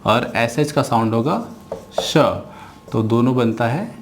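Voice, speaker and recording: A man teaching English letter sounds in a phonics lesson, repeating each sound slowly. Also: mid-range voice, slight background noise. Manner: slow, drawn-out repetition of sounds.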